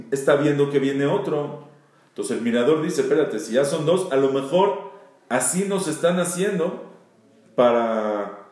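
Echoey rabbi. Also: male voice, a little high, a little mellow. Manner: reads Hebrew verses, then explains them in Spanish; repeats phrases for emphasis. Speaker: rabbi teaching. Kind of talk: Bible storytelling lesson. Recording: very echoey room.

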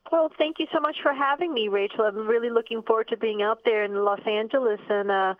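A woman's voice: a little high, a little fast, dry recording. An older woman born in Cuba and raised in Miami, chatting as a podcast guest with many fillers and restarts. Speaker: guest, ballet company artistic director. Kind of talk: podcast interview. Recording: phone-like line, dry.

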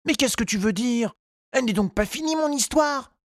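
A man's voice: very high voice, expressive, moderate pace, dry recording, clean studio sound. A man voicing a curious, earnest little boy in a storybook reading, asking questions in a wondering way. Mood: eager.

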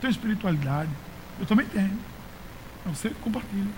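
A Brazilian pastor with a high voice preaches a conversational sermon, urging listeners on in everyday language and repeating phrases for emphasis. He is expressive and quick, and the audio is poor, with light noise behind him.

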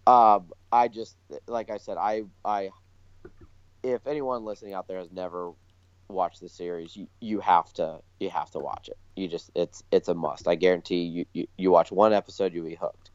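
This male podcast co-host has a deep, clear, resonant voice with a steady tone, speaking at normal speed. His casual chat comes out in uncertain, start-and-stop phrases, captured on a dull, lo-fi recording with an echoey room sound.

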